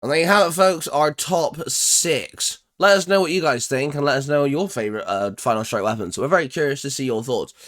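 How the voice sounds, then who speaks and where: A man with a slightly high, fairly bright voice talks a bit fast with few pauses as he co-hosts a fan discussion show. He chats casually and enthusiastically about ranking geeky favourites, hedging loosely as he goes.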